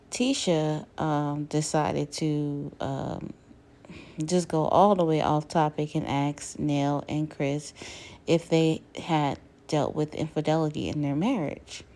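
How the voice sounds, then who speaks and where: A woman's voice: low-pitched, steady tone, slow, dark tone. A woman giving a casual, chatty commentary recap, full of fillers and quoted lines. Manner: chatty, many fillers, mimics cast members' quotes. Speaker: reality TV commentator.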